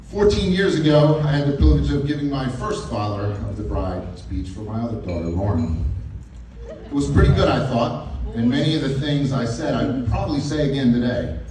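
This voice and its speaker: An older man in his 50s or beyond gives a folksy, wry and sentimental father of the bride speech at a wedding reception. His mid-range voice moves at a normal speed with a crowd audible behind him. The large event room is echoey and noisy, and the mic is distant.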